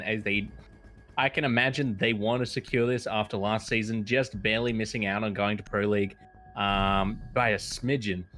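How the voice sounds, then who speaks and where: A man's voice: mid-range voice, fairly bright tone. A man giving colour commentary on an esports match, rambling with lots of ums and restarts. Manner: rambling, full of ums and restarts, laughs easily. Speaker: esports caster. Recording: noisy stream audio.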